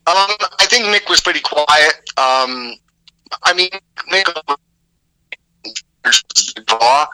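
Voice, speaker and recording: A man's voice: on the high side, animated, slow, creaky, bright, forceful tone, no room sound. A man talking over a phone line as an interview guest, rambling with many fillers and restarts. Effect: heard over a phone line. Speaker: musician guest.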